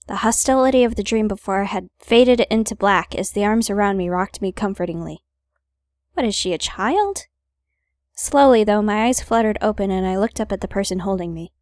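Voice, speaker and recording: A woman reads visual novel narration aloud as a gaming host, slipping in wry, playful comments. Her pitch is average and the recording is close and dry. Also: a little mellow, dry recording.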